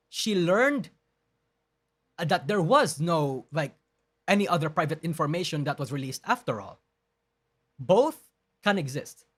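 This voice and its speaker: On a live stream, a male streamer reads a document and rebuts it, pressing his points emphatically and argumentatively in a husky, somewhat bright voice a touch higher than most men's. He trips over his words, restarts sentences often, and swears bluntly as he goes.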